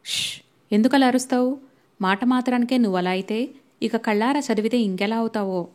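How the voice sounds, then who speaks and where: A woman's voice: fairly high pitch, normal speed, darkish tone, lightly acted. A woman voicing a carefree young woman friend who talks casually and breezily, in a storybook reading. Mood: breezy.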